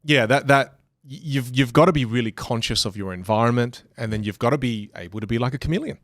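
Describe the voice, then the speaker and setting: A fast-talking podcast guest with a mid-range voice and a British-leaning Australian accent discusses communication casually and with energy, acting out other voices. The sound is clean studio audio without echo.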